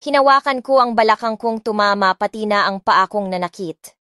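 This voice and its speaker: Speaking at medium pitch and a little fast, a female audiobook narrator expressively reads a first-person romance story, slipping freely between Tagalog and English phrases while music plays underneath.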